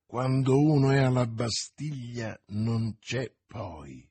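A man voicing a powerful, calculating cardinal in an audiobook, measured and authoritative. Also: mid-range voice, animated, darkish tone, husky, no echo, full character voice. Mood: commanding. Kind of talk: audiobook character reading.

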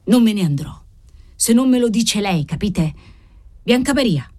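Woman doing an old marquis, indignant, shouting father, audiobook reading, warm mellow voice. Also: medium pitch, expressive, a little slow. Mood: exasperated. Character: old grieving marquis, proud and exasperated father.

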